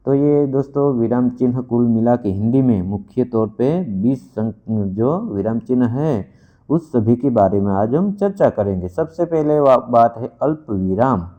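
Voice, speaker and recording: A man teaches to camera in a middle-pitched voice. He repeats points and restarts words as he works through them. The recording sounds dull and slightly lo-fi. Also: animated, measured pace. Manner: repeats itself, with fillers and self-corrections. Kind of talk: lesson to camera.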